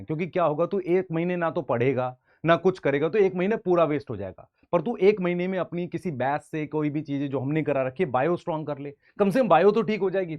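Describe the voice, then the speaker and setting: A man from in his thirties, in a fairly high voice as an exam coaching teacher talking straight to camera. He is earnest and direct, and he acts out what his students say back to him. The audio is dull and lo-fi, like a web video. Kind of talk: direct-to-camera advice talk.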